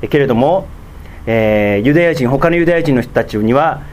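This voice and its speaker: A man preaching a sermon as a pastor, teaching slowly and deliberately with many fillers and sudden emphatic rises. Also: medium pitch, expressive, darkish tone.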